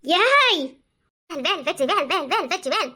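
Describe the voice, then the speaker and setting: Brief: woman voicing a quick-tempered village woman for a cartoon, Kanyakumari Tamil accent, very high and bright. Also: heavily acted. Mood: possessed, commanding. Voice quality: shrill, scolding.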